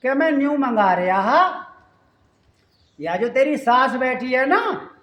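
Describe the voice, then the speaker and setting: Woman playing a laid-back husband, slow, reassuring, roomy muffled sound. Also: sits high, big pitch swings, a bit bright, heavily acted. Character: easygoing village husband.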